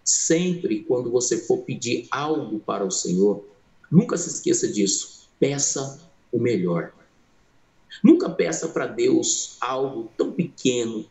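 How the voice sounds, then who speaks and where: Dramatic preacher in an echoey hall. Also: male voice, mid-range voice, lively intonation, unhurried, gravelly, a little mellow. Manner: dramatic storytelling, acting out the people in his story; addresses listeners as brothers. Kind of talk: sermon testimony.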